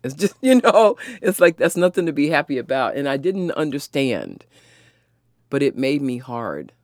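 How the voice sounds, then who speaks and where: A woman's voice: extremely low pitch, very animated, normal speed, a little mellow, dry recording. A woman from Kansas City, recalling her childhood in an earnest, frank way. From Kansas City, Missouri. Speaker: interviewee. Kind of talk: personal recollection.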